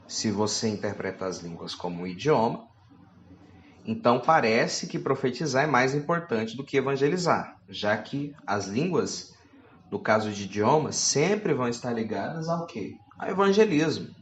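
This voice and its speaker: Lively preacher asking questions. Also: male voice, mid-range voice, normal speed, reverberant, muffled recording, slight background noise. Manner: rhetorical questions, reads scripture aloud. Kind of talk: teaching sermon.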